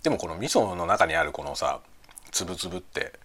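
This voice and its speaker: A middle-aged man with a lowish, gravelly voice chats casually over his lunch. His intonation moves up and down a lot as he muses aloud in short, trailing phrases, with faint noise behind him. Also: huge pitch swings, fairly quick, fairly bright tone. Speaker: host of a lunchtime chat. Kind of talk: casual chat while eating lunch.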